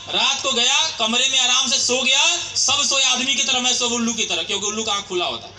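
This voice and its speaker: A man tells motivational stories to a hall audience, often turning to quiz the crowd. His voice is very high and sharp-edged. The sound rings around a large, echoey hall through a stage mic. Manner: animated storyteller, keeps addressing the crowd as friends and quizzing them. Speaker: motivational speaker at a company anniversary event. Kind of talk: motivational storytelling speech.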